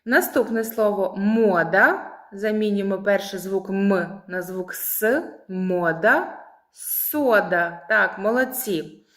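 A preschool teacher from Ukraine leading a lesson for small children, speaking slowly and clearly and drawing out the words. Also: female voice, medium pitch, a bit bright.

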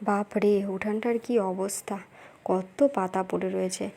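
A woman's voice: mid-range voice, fairly even intonation, moderate pace, gravelly, warm tone. A woman voicing a busy young housewife in a doll-play drama, nagging and scolding the household.

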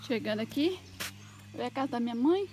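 A woman's voice: lively intonation, fairly quick, mellow, a little hiss or hum. A woman chatting casually while filming her daily farm chores outdoors on her phone, calling out to the animals. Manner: chatty, calls out to animals in a high sing-song voice. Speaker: vlogger. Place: outdoors on a farm, pigsty and yard. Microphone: phone camera held by the speaker.

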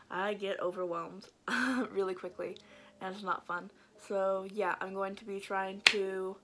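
Young woman vlogger, slightly swollen-mouth speech. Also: mid-range voice. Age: young adult. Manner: informal, self-deprecating, trailing off. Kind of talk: casual chat to camera. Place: small bedroom, indoors. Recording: noisy home bedroom recording.

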